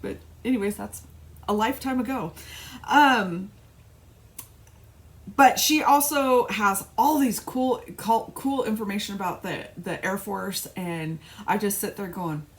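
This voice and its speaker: A middle-aged woman chats casually on her flosstube cross-stitch vlog, rambling, restarting sentences and laughing a little. Her medium-pitched voice moves at a measured pace.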